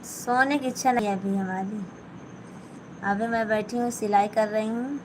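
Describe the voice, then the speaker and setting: A woman's voice: mid-range voice, steady tone, moderate pace, noisy background. A woman with an Awadhi-flavoured Hindi accent, hosting a casual live stream from home while she sits and sews, reading out viewers' comments and answering them one by one. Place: at home, sitting and sewing.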